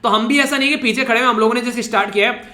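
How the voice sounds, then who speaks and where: Fast-paced man teaching exam-prep current affairs, high bright voice, chatty with joking asides, roomy echo. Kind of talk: exam-prep lecture in Hindi.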